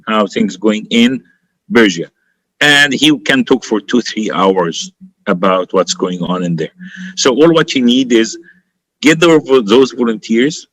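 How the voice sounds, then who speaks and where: A man's voice: mid-range voice, fairly bright tone, no room sound, poor audio. A man with an Egyptian accent, a native Arabic speaker, answering conversationally as an interview guest in an emphatic, encouraging way, repeating phrases for stress. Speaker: interview guest, politician and teacher.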